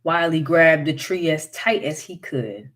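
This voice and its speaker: A woman reading a folktale aloud as a storyteller, in an unhurried, expressive way. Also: low-pitched.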